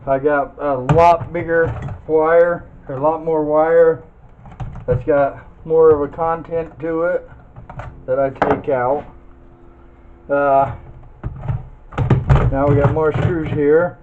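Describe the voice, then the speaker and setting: In this dull, lo-fi clip with faint clicks and noise, a video host shows how he tears down scrap metal in a relaxed, hands-on way. His voice is a little high and his tone level; he talks slowly and pauses often, folksy and thinking out loud.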